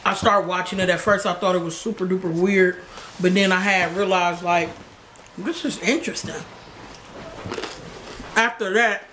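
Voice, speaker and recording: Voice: mid-range voice, steady tone, moderate pace, long pauses, pushed and bright. A young adult YouTuber with a blunt, slangy way of talking, answering questions in a casual, chatty style. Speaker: YouTuber host. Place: small living room, indoors. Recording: roomy sound with background noise.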